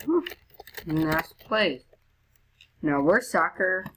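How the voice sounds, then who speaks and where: Brief: woman, low pitch, let's play commentary, chatty with sudden high squeals. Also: animated, extremely slow, fairly bright tone, slight background noise. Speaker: gamer.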